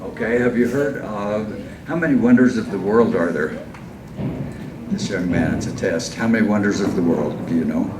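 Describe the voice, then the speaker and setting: A man's voice: lowish voice, moderate pace. A man working as a stage hypnotist at a live show, giving coaxing, step-by-step instructions to volunteers and audience. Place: large echoey indoor venue with audience. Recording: echoey hall from far off, noisy background.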